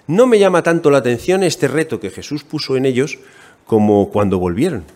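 Male preacher, Spain Spanish accent, lively rising and falling delivery, chatty sermon style. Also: mid-range voice, brisk. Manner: animated, conversational preaching with rhetorical questions.

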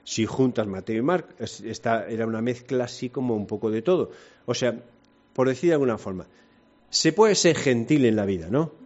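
A man's voice: mid-range voice, normal speed, darkish tone. Conversational man preaching, lo-fi sound. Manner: conversational, rhetorical questions, retells scripture with voices. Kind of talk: sermon, Bible teaching. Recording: dull lo-fi sound.

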